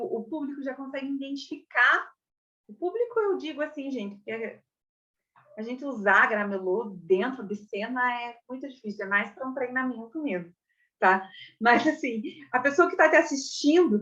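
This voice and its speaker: Chatty Brazilian woman, high bright voice. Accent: Brazilian Portuguese. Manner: chatty, expressive, repeats words and checks in with listeners. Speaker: theater teacher. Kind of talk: casual online lesson. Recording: slightly dull lo-fi audio.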